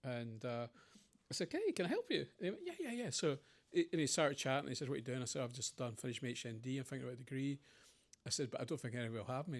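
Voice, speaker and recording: Fast-talking Scottish man telling stories. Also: medium pitch. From Scotland. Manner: rambling anecdotes with quoted voices. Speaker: panel speaker. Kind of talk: conversational Q&A storytelling.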